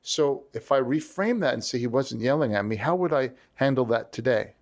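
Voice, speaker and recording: A man as an interview guest, talking in a lively storytelling way and acting out the voices he quotes. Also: mid-range voice, moderate pace. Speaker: leadership strategist guest. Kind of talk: conversational interview.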